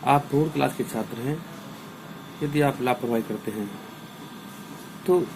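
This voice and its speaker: A man teaching a class, reading lines of verse slowly and then explaining them in an earnest, instructive way. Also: mid-range voice, noisy background. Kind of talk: poetry recitation and explanation lesson.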